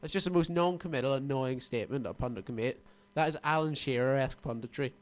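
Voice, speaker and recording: A man's voice: mid-range voice, quick pace. A young man co-hosting a sports radio show, chatting casually and ranting in a mocking, opinionated way.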